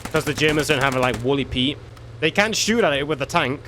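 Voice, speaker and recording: A man's voice: medium pitch, expressive, brisk, a little hiss or hum. A man giving laid-back, chatty commentary on a multiplayer war game, swearing now and then. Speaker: gameplay commentator. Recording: loud game gunfire and vehicles behind.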